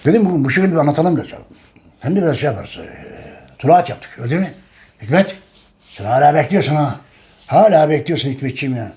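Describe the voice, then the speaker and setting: This history host's voice is fairly high and dark, with lively intonation and a fast pace. Treating his listeners as friends, he delivers a casual monologue in an emphatic, preaching tone, hammering his points home through repetition.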